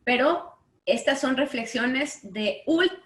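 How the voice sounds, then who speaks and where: A high-voiced woman with lively intonation and a Mexican Spanish accent runs a literature class online from her home. She keeps firing off quick questions to check on her students, and the room sounds echoey.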